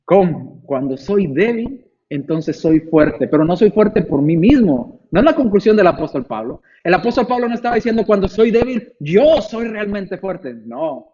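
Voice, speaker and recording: A man in his forties preaching a sermon in an expressive way, acting out frightened voices in his stories. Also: high voice, moderate pace, dull audio. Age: 40s. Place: church.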